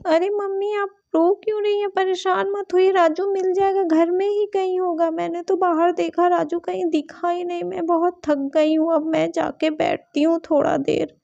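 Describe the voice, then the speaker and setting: A woman's voice: extremely high pitch, level tone, moderate pace, creaky, few pauses, warm tone, highs cut off. A woman voicing a young daughter in a doll story, whiny and complaining. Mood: soothing. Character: young daughter, sleepy and grumbling.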